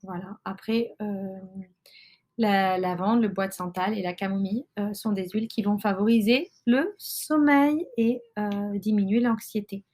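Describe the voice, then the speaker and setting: Woman in her thirties, casual host, halting delivery full of fillers, mid-pitched. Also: steady tone, a little mellow. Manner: hesitant, many fillers and restarts. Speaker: podcast host and mother. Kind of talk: casual explanatory talk.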